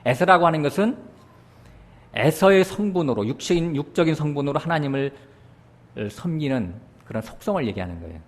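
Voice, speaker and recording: Male pastor, sermon delivery, dramatic rises for quoted scripture, frequent short checks with the congregation. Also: brisk. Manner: animated preaching, voicing God's words with sudden rises in pitch and loudness; often checks with the congregation using short asides.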